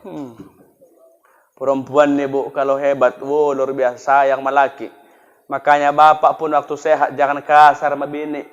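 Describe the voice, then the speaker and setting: A man's voice: mid-range voice, completely flat delivery, normal speed, highs cut off. A man preaching a comic sermon, joking with the crowd and addressing them directly. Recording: echoey hall.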